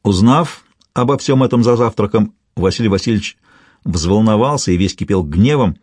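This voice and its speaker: Man reading a historical novel aloud, low husky voice, dry close sound. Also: expressive, normal speed, darkish tone, no room sound. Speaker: audiobook narrator. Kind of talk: scripted narration of a historical novel.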